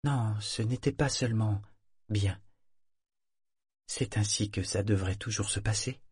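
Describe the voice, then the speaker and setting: A man's voice: fairly low pitch, unhurried, darkish tone, slightly rough, dry recording, studio quality. A man voicing a weary, guarded young woman sailor who confesses hesitantly. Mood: confiding.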